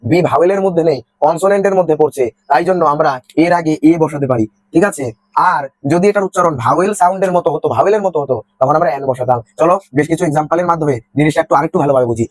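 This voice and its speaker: Young man, teacher, rapid grammar lesson, a bit high voice, dry close mic. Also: darkish tone, no echo. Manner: explains step by step, repeats words, asks and answers his own questions.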